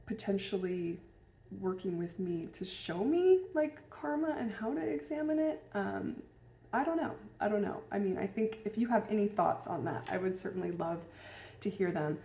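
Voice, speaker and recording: Woman vlogger, mid-pitched, reflective and hesitant storytelling, roomy room sound. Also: big pitch swings, moderate pace, mellow. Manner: musing, hesitant, many fillers and restarts. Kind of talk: casual personal storytelling. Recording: roomy echo.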